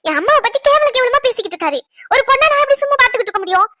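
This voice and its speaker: A woman voicing an indignant, quick-tempered young woman in a cartoon, who speaks in a scolding, scornful way. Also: extremely high pitch, lively intonation, pushed and bright, dry recording, heavily acted. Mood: angry. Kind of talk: cartoon voice acting.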